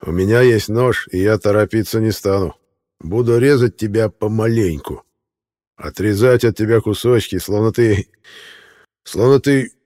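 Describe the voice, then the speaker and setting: A man's voice: fairly low pitch, moderate pace, a little mellow, lightly acted. A man voicing a sneering hitman in an audiobook. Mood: gloating. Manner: gloating, then panicked pleading. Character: menacing bearded male hitman, gloating. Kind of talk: audiobook character reading.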